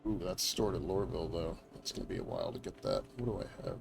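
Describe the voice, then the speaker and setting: A man's voice: deep voice, wildly swooping pitch, fast talker, creaky, over music. A man talking casually with friends while playing a video game. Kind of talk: casual gameplay chat with friends.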